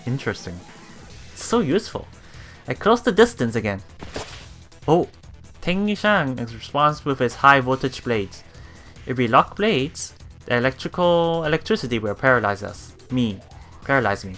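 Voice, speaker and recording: With game music behind him, a man reads visual novel lines for a let's play in a mid-range, slightly bright voice with lively intonation. He falters, stumbles on and repeats words, and adds reactions of his own.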